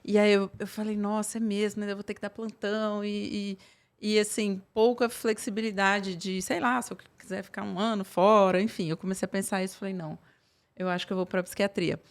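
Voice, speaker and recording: A woman's voice: medium pitch, level tone, brisk. Brief: woman, 30s, psychiatrist guest, chatty storytelling, lots of fillers. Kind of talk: casual interview talk.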